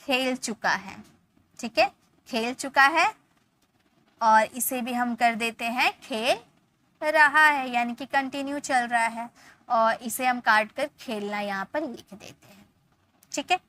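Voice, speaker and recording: A woman teaching an English grammar lesson in Hindi. She explains step by step, checks in often with the listener and reads the English example sentences slowly and deliberately. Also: on the high side, bright, forceful tone.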